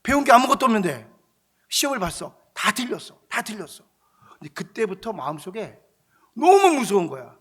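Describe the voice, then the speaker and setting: A male pastor telling a personal story in a lively, conversational sermon, acting out the voices of the people in it. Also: high-pitched, a little fast, husky. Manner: animated, conversational, acting out quotes, shouting at peaks.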